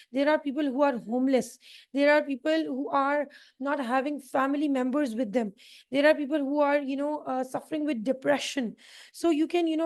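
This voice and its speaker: A woman's voice: sits high, darkish tone. A young woman teaching an English writing class, explaining texts to students with many fillers like "you know". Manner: thinking aloud with many fillers.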